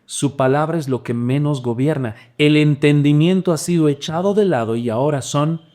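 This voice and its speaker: A man preaching a sermon as pastor, animated, with wide swings in pitch and loudness. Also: normal speed.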